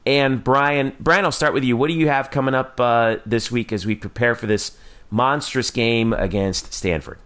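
A man hosting a casual sports talk show, often halting as he searches for his words. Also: mid-range voice, fairly bright tone, clear, resonant tone. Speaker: sports podcast host.

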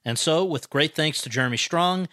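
A man's voice: fairly high pitch, normal speed, pushed and bright, no echo, studio quality. A man hosting a podcast, reading a prepared introduction and then asking earnest, well-prepared questions. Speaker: podcast host. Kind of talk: scripted intro then interviewing.

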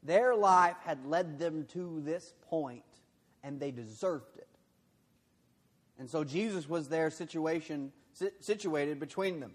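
A man preaching a sermon as a pastor, talking conversationally, mocking in quoted voices and dropping quiet and heavy in his pauses. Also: fairly high pitch, big-room sound.

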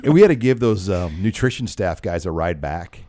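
A man's voice: low-pitched, very animated, moderate pace, dark tone, no echo. A man hosting a sports podcast, chatting casually with laughs along the way. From Nebraska. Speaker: podcast host.

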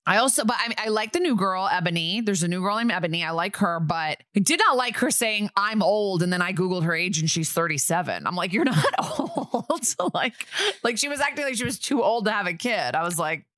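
A woman's voice: medium pitch, lively intonation, a little fast, a bit bright, no room sound, studio quality. A woman in her thirties, nine months pregnant, co-hosting a podcast in chatty, storytelling talk with frequent laughs. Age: 30s. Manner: chatty, laughs while telling stories. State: heavily pregnant. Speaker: podcast co-host. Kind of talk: casual chat.

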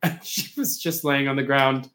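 A man's voice: mid-range voice, steady tone, moderate pace, a bit bright, roomy sound. A man, a stage actor, animatedly telling a backstage story in casual chat, laughing as he goes.

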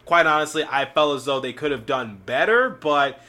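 This podcast host talks sports casually, rambling and chatty with plenty of fillers. His fairly high voice moves at a moderate pace and has a sharp tone, and his sore throat makes it slightly scratchy.

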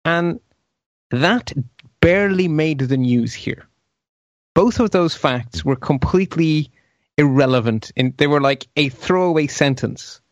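A man's voice: a little high, expressive, a little slow, no echo. Hesitant Irish man on a dull mic. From Ireland. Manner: hesitant, repeats words. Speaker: podcast co-host. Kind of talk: casual panel chat.

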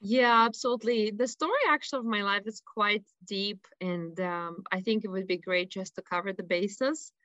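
A woman from Lithuania with a Lithuanian accent, a guest telling her life story on a radio show in earnest, halting English. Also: medium pitch, a bit bright, no echo, dull audio. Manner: earnest, halting, with frequent fillers. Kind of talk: personal storytelling interview.

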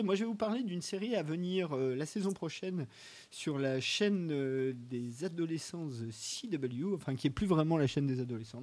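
Rambling man with a fairly high voice. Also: darkish tone. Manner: rambling, hesitant, many fillers and restarts. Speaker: podcast co-host presenting a segment. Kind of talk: casual chat about TV series.

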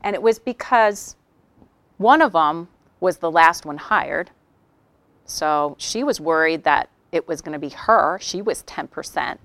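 A woman giving a workshop talk to an audience, telling stories with animated acted-out quotes. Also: sits low, unhurried, no echo. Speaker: workshop speaker.

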